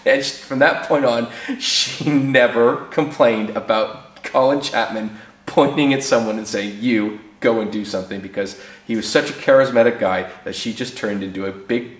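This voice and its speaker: A man with a fairly low voice tells anecdotes in a relaxed, conversational way, slipping into the voices of the people in his stories. He speaks in his workshop, and the room's echo hangs around his words. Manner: animated, acts out quoted voices, relaxed fillers. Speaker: former racing team mechanic telling stories. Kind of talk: casual anecdote storytelling.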